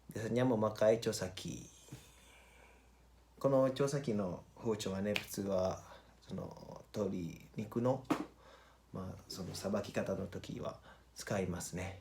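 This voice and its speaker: Male vlogger, lowish voice; casual, halting, bilingual presenter. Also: background noise. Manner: informal, halting, repeats phrases and address tags. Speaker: vlogger and cook. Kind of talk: casual vlogger presentation, switching between two languages.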